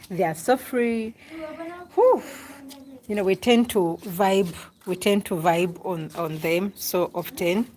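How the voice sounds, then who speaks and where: A woman's voice: medium pitch, slow pace, darkish tone. A woman from Uganda chatting casually to viewers during a live stream from her family home, laughing often and calling out to relatives. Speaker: vlogger doing a live stream.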